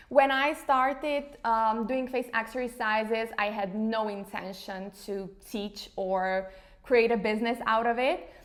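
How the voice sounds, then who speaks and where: A woman in her thirties from Slovenia, an English speaker, chatting casually in an interview with frequent fillers like "you know". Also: fairly high pitch. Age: 30s. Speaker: interview guest, face yoga founder.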